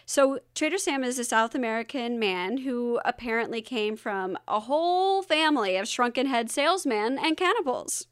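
A woman co-hosting a casual podcast chat, telling a story with lots of giggles and animated asides. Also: on the high side, normal speed, hardly any pauses, smooth, no room sound, studio quality. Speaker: podcast co-host.

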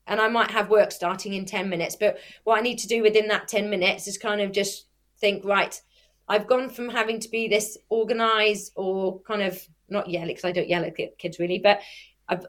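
A woman who says w for r, chatting casually in an interview and explaining things with examples and self-corrections. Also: medium pitch. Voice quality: cannot pronounce R well, says w for r. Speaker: athlete and youth sports coach.

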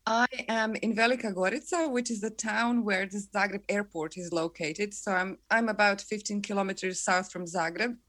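A woman's voice: medium pitch, steady tone, moderate pace, few pauses, fairly bright tone. Croatian woman cookbook author interviewed. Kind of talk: interview conversation.

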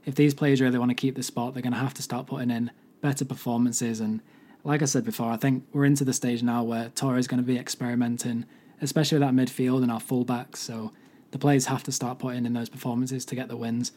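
A man with a hoarse, mostly lost voice hosting a solo football podcast, giving earnest fan opinions. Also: medium pitch, level tone, fast, dark tone. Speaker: podcast host.

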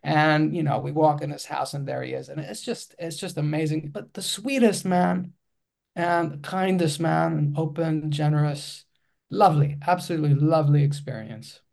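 Greek man, gravelly, hesitant. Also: on the high side, moderate pace, darkish tone. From Greece. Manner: hesitant, many restarts and fillers. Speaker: filmmaker guest. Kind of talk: interview.

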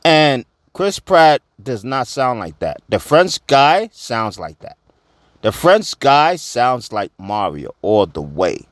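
A man giving casual opinion commentary, slangy, animated and repeating himself. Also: medium pitch, slow, no room sound. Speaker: vlogger.

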